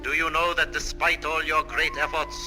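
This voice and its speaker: A man playing a sinister wartime propaganda broadcaster, taunting and measured, in 1940s film acting. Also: on the high side, level tone, natural voice. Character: sinister male propaganda broadcaster, mocking and cold. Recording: old film soundtrack with music.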